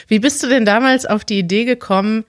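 A woman's voice: mid-range voice, normal speed, dry recording. Enthusiastic woman host, dry close sound. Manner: enthusiastic, laughs easily. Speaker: podcast host. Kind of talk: casual interview.

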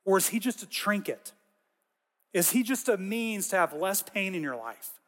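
A man giving a conversational sermon as pastor, with casual, animated storytelling and frequent asides. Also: high voice, in a large hall.

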